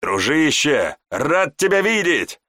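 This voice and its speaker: A man voicing a boisterous, rowdy young male joker who talks loudly. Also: fairly high pitch, big pitch swings, takes it slowly, no room sound, studio quality, voice pushed up, exaggerated voice. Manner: loud, boisterous.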